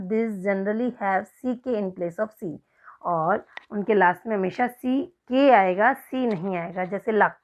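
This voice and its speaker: A woman with an Indian accent teaching an English spelling lesson online, explaining in Hindi and English and spelling out words letter by letter. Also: on the high side. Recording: dull lo-fi recording.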